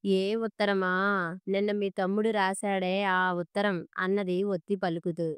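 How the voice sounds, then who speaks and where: A woman reading as a sharp-tongued scolding wife. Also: medium pitch, little pitch movement, moderate pace, clean tone, no echo, natural voice. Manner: sarcastic and cutting. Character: sharp-tongued quarrelsome middle-aged wife.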